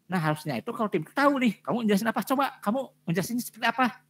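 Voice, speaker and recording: Male lecturer, brisk delivery, blunt classroom feedback with repeated emphasis. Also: sits high, animated, a bit bright, breathy edge. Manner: direct, repetitive emphasis with frequent fillers. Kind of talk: giving feedback on student presentations.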